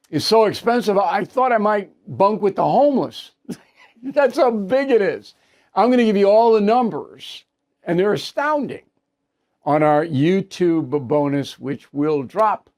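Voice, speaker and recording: An older man hosting an opinion news show, bluntly interviewing guests and wrapping up with brisk, wry asides. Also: high voice, creaky, darkish tone.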